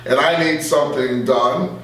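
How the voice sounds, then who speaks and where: A bit bright and a little high, an older man's unhurried voice carries his opinionated, anecdote-filled political chat; he is 60s or above. The recording is echoey and taken from far away.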